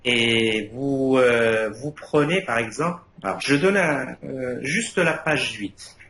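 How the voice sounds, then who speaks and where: An older male academic who is a native Arabic speaker gives feedback as a thesis jury member in a university defense room. His mid-range, sharp-toned voice comes out hesitantly, with many fillers and restarts. The room is reverberant, with light background noise.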